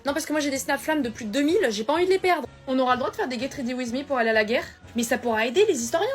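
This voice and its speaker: A woman performing short comedy sketches in a quick, chatty, deadpan way. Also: high voice. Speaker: comedy creator.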